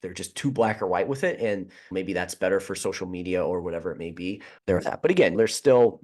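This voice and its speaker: A man's voice: deep voice, a little fast, darkish tone. A man hosting a solo question-and-answer podcast, talking off the cuff, often restarting and repeating words, and pushing harder on his main points.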